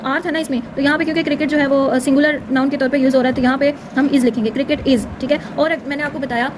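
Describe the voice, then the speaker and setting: An English grammar teacher with a very high voice moves quickly through an informal, step-by-step tutorial. Her intonation stays fairly even, and she keeps slipping in short check-in tags. Clear background noise runs behind her throughout.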